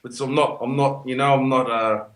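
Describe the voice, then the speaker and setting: A man's voice: mid-range voice, steady tone, brisk, fairly bright tone. Man with broad Kiwi accent, echoey room. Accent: broad New Zealand Māori English. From New Zealand. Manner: slangy, peppers speech with "bro" and "you know". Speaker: podcast guest, rapper. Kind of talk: casual chat.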